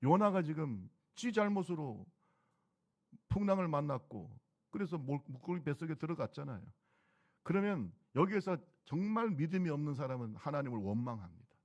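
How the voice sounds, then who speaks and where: A man's voice: fairly high pitch, sing-song, moderate pace, darkish tone, highs cut off. A middle-aged man preaching a sermon as pastor, exhorting the congregation with repeated calls.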